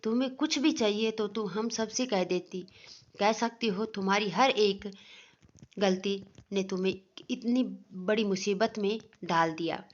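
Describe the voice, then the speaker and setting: A woman voicing a gentle, kind young daughter-in-law in a storybook family tale, soft and forgiving. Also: medium pitch, a little slow, natural voice. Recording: dull lo-fi recording.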